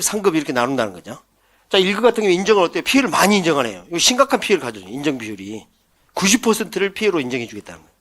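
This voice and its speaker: A male lecturer with a rather high voice runs an exam-prep class. He turns the material into jokey acted-out scenes for memorizing. He keeps throwing quick check questions at his students. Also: a bit bright. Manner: playful, jokes and mimics scenes for mnemonics; quizzes listeners with quick questions.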